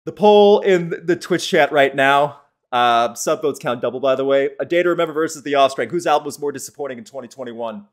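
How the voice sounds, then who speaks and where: A man's voice: mid-range voice, brisk, hardly any pauses. A man hosting a live-streamed podcast, talking in a chatty, opinionated way and answering the chat as he goes. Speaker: podcast host.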